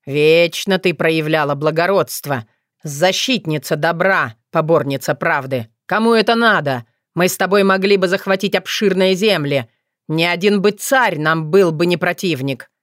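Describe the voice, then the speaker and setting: A woman voicing an arrogant, cruel male sorcerer in a storybook reading, taunting in a slow, sneering way. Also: on the low side, no echo, studio quality, lightly acted. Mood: mocking.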